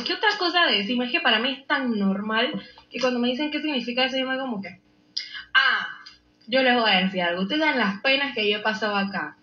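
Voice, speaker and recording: A young woman with a Panamanian accent chats playfully, laughing as she acts out local phrases. Her voice is bright and forceful, sitting a bit high. It comes through a lapel mic with a roomy echo and a slightly dull tone. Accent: Panamanian Spanish. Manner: playful, laughing often, acting out quoted phrases. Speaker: reality show contestant. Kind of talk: casual slang lesson to camera.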